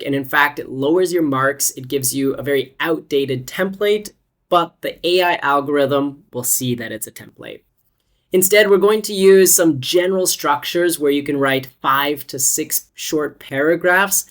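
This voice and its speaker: An English test-prep teacher giving a scripted online lesson, explaining step by step with lively rises and falls. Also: medium pitch. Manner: clear, explanatory, instructive.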